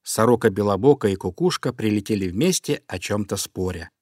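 A man reading a children's fairy tale aloud in an expressive storytelling manner. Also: lowish voice, fairly quick, dry recording, clean studio sound.

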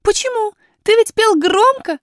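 Woman doing a high eager little princess. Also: moderate pace, no echo, clean studio sound. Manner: bright, insistent, high-pitched. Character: young princess girl, eager and determined.

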